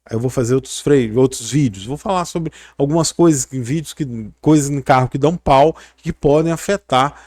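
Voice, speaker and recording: A man's voice: mid-range voice, moderate pace, few pauses, darkish tone, dry recording, studio quality. Chatty middle-aged man. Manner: rambling, chatty, many fillers and tag questions. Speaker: physiotherapist YouTuber. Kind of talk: casual talk to camera.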